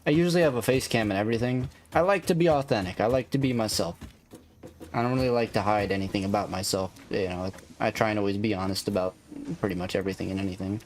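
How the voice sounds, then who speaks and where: Speaking fast in a fairly low, darkish, soothing voice, this man rambles casually while streaming a factory-building game. He mixes chat with gameplay commentary, thinking out loud, with clear background noise under his voice.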